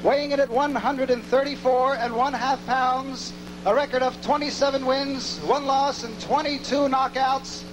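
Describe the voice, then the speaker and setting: A man making loud, ceremonious boxing ring introductions over an arena microphone with noise behind him. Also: very high-pitched, steady tone, normal speed. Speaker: ring announcer. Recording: noisy arena public address sound.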